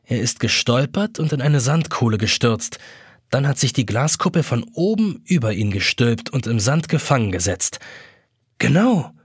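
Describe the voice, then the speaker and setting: A man reading a children's story aloud, animated narration that acts out the characters. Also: medium pitch, normal speed, breathy edge, no echo, clean studio sound. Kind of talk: expressive scripted story narration.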